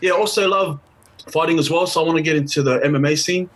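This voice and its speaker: A man's voice: a little high, fast talker, a bit bright. A man, a podcast guest chatting casually in a playful, slangy way. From Australia. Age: 20s. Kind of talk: casual chat.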